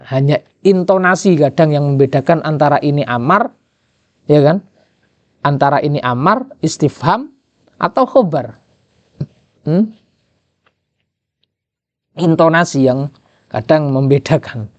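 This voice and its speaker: A man's voice: on the high side, expressive, measured pace, long pauses, no echo, muffled recording. Javanese-accented man teaching a kitab lesson. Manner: quizzes listeners with rhetorical questions. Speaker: Islamic jurisprudence teacher. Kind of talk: kitab lesson, reading and translating Arabic.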